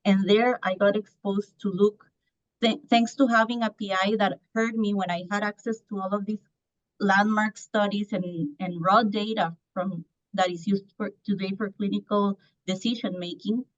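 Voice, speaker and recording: A Costa Rican startup founder in her thirties answers on a panel earnestly, restarting often and using many fillers. Her voice is medium-pitched with fairly even intonation and normal speed, and the audio is muffled and lo-fi.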